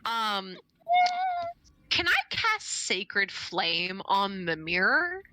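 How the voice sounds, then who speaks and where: A woman's voice: mid-range voice, very animated, sharp tone, rough recording. A woman playing in a tabletop game over a video call, joking and sarcastic in her banter. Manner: playful, sarcastic, quick wit. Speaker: player. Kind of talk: casual tabletop role-play. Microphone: video call from home.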